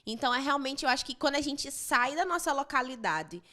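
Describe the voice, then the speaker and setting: A woman's voice: high voice, lively intonation, fairly quick, sharp tone. A woman hosting a church podcast, reflecting at length on what her guest has shared. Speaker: podcast host. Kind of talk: podcast conversation.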